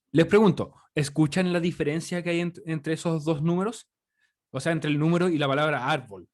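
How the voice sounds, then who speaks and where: Chatty teacher on a video call. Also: male voice, fairly high pitch. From Chile. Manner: chatty, asks students questions often. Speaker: English teacher. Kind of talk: online class explanation. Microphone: computer microphone on a video call.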